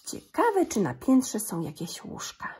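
A woman voicing a curious little girl who wonders aloud, sometimes in a whisper, with a breathy tone. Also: mid-range voice, huge pitch swings, a little slow, a little mellow, exaggerated voice.

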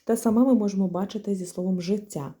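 A woman's voice: medium pitch, quick pace, mellow. A woman teaching a grammar lesson, explaining rules step by step and spelling out letters and example words. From Ukraine. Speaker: language teacher.

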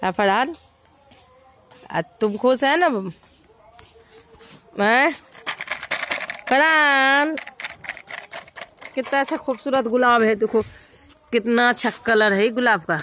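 A young woman vlogging at home, cooing questions to her little boy and then quietly showing the flowers in her garden. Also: a little high, measured pace, pauses often. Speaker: vlogger and mother. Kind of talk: casual home vlog, talking to her child and viewers. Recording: faint background noise.

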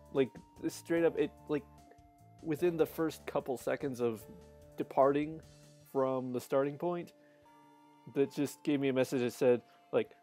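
A man's voice: mid-range voice, warm tone. A man streaming a game live, chatting in a rambling way with frequent laughs. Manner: chatty and rambling, laughs often, restarts sentences. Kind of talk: casual live-stream commentary.

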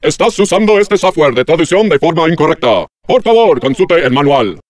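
A man putting on a stiff translation software voice. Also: a little high, sing-song, moderate pace. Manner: stiff, formal. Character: flat male translation software voice.

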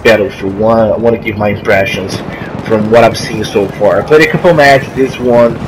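A man with a fairly low voice and a Brazilian accent, a native Portuguese speaker, gives halting commentary on his gameplay, searching for words and restarting often. He's coughing from allergies and recording at a friend's house while traveling, using a makeshift mic rather than his usual one. The home recording is noisy and poor in quality, with a steady hiss beneath his voice.

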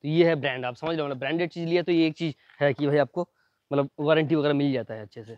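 A man doing a fast, chatty unboxing demo, pointing things out again and again as he shows each part. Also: a little high, no echo, lo-fi sound. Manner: fast, chatty, repeats "ye dekho" constantly. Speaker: product reviewer. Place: at home near a building site.

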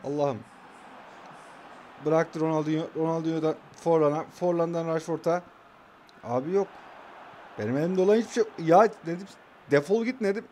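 A man's voice: fairly high pitch, normal speed, long pauses, warm tone, slight background noise. A young man casually commentating his own football video game match, calling out passes and trash-talking his opponent.

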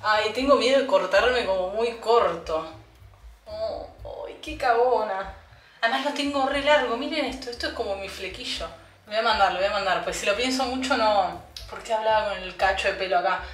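A young woman with an Argentine accent, chatting casually as she cuts her own hair at home, a bit hoarse from a cough, self-mocking and thinking aloud. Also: mid-range voice, normal speed, a bit bright, echoey room. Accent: Argentine Spanish. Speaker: beauty vlogger. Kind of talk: casual vlog chat. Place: home bathroom.

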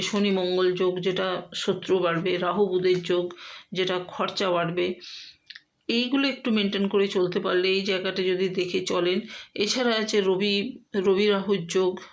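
A woman astrologer talks straight to her viewers through a horoscope reading. Her voice sits at a middle pitch, and she keeps a steady, explaining pace, pausing often with small filler sounds. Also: muffled recording. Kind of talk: horoscope talk to camera.

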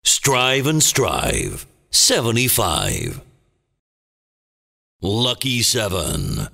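A man playing a booming, dramatic movie trailer announcer, calling bingo in short theatrical phrases with a gravelly voice. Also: wildly swooping pitch, pushed and bright, exaggerated voice. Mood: dramatic, portentous. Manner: theatrical, deliberate, clipped phrases. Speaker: bingo caller. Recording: long booming reverb.

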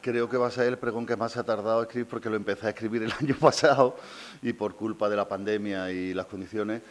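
A man's voice: fairly low pitch, steady tone, fast. A man in his forties from southern Spain with an Andalusian accent, giving an informal, unscripted thank-you speech and searching for words. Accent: Andalusian Spanish. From Linares, Andalusia, Spain. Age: 40s. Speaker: invited festival speaker, a designer. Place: small indoor meeting room. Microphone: gooseneck desk microphone.

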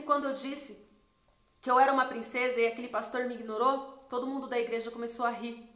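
A woman in her twenties, a missionary, telling her personal testimony in an earnest storytelling way. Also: echoey room. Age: 20s. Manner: earnest storytelling, drops soft and low when quoting God.

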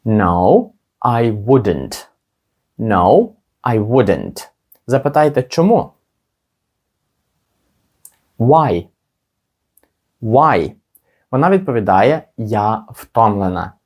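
Male teacher, animated delivery, slow model phrases. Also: fairly low pitch. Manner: slow, drawn-out model phrases between quick explanations. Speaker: English teacher. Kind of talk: language lesson.

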